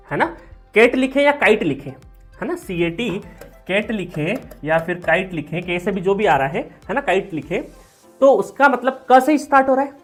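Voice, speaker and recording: A man teaching an engineering exam question in a talkative way, mixing Hindi with English terms and checking in with frequent tag questions. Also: high voice.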